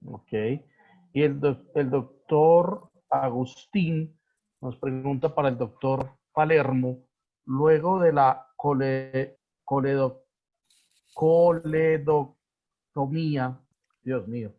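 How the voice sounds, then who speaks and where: A man's voice: mid-range voice, slow. Man moderating a lo-fi webinar. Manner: hesitant, with frequent fillers and restarts. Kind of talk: hosting a live video webinar. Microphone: video call. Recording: lo-fi video call audio.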